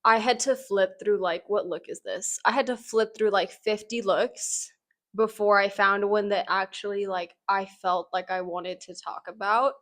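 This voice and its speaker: A woman's voice: medium pitch, steady tone, normal speed, a bit bright. A woman with a mid-range voice hosts casual fashion commentary. She talks in a chatty, informal way, offering personal opinions and often dropping "like" into her sentences. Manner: informal, conversational, frequent "like" as emphasis.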